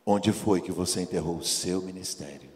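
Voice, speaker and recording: A man's voice: low-pitched, moderate pace, a little mellow. A man preaching a sermon, acting out dialogue and firing rhetorical questions at the congregation. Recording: long hall reverb.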